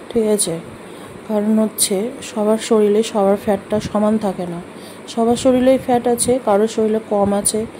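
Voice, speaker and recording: A woman's voice: mid-range voice, warm tone, rough recording. A woman chatting casually in her home kitchen while she cooks for a vlog, rambling and correcting herself often. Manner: chatty, rambling, self-correcting, many fillers. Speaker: cooking vlogger. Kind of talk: casual cooking vlog chat. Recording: fan hum and room noise.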